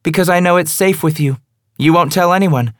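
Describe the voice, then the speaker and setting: Mocking young woman, provocative and cutting, put on by a male reader; sits high above a low voice. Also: normal speed, no room sound, studio quality, close to an everyday voice. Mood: taunting. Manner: taunting, teasing.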